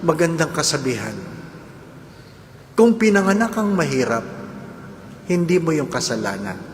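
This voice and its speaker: Animated priest preaching in an echoey church. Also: male voice, on the high side, a little hiss or hum. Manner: animated, jokes, keeps asking the congregation "di ba?". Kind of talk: humorous homily. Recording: echoey church hall with faint ambience.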